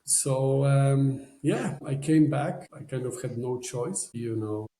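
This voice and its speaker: This Polish-accented man, guesting on a podcast, takes his time telling a story in a dark, mid-range voice, the audio echoing around the room. He is casual and rambling, with frequent "you know" fillers and phrasing typical of a non-native speaker.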